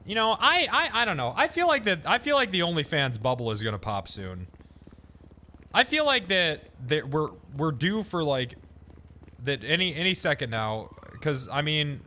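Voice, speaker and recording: A man's voice: mid-range voice, pushed and bright, a little hiss or hum. A man in his thirties, a streamer chatting casually and rambling through stories, swearing and laughing often. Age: 30s. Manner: profane, rambling storyteller who laughs often. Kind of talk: casual chat on a game stream.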